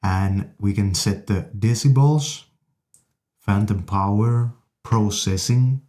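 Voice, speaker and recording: Presenting an audio interface in an informal gear demo, a man speaks in a lowish, mellow voice. He goes slowly and haltingly, delivering short pieces as he shows off each feature.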